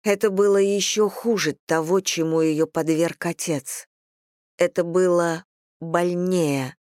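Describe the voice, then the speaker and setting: A narrator reading a dramatic novel aloud in an even, measured way. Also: mid-range voice, dry recording, clean studio sound. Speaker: audiobook narrator. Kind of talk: scripted audiobook narration.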